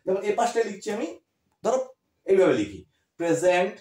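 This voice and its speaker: A man's voice: high voice, expressive, a little fast, mellow. A man with a West Bengal Bengali accent teaching a grammar lesson, patiently repeating key words and often checking that students follow. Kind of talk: classroom-style grammar lesson. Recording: echoey room.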